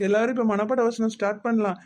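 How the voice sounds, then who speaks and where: A young woman with a slightly high voice leads a children's Bible-school skit. She talks to the kids in a lively, coaxing way. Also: fast. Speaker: church children's program teacher.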